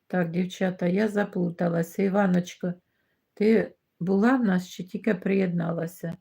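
A woman's voice: lowish voice, steady tone, normal speed, creaky, dark tone, breathy edge. A middle-aged woman hosting a live stream, reading out viewer comments and greeting each viewer by name in a casual chat. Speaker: livestream host reading chat.

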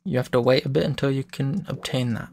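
A man's voice: mid-range voice, quick pace, vocal fry, dry recording. A man giving casual, explanatory commentary as he plays through a video game. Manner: relaxed, explanatory, self-correcting. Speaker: let's play host.

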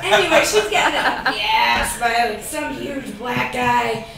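A woman's voice: on the high side, animated, measured pace, gravelly, over a noisy crowd. A young woman performing a profane stand-up comedy set, laughing through her punchlines. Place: comedy club stage with live audience. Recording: echoey room, distant mic, audience noise.

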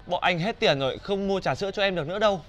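A man's voice: sits high, very fast, a bit bright, a little hiss or hum. A man playing a cheeky teasing sidekick. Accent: Northern Vietnamese. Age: young adult. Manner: mocking, teasing quips. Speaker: actor in comedy sketch.

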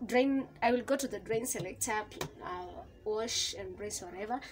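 This Kenyan vlogger in her thirties walks through a laundry tutorial step by step in her small home laundry room, speaking casually with Swahili phrases mixed in. She talks at normal speed in a mid-range voice, with background noise audible.

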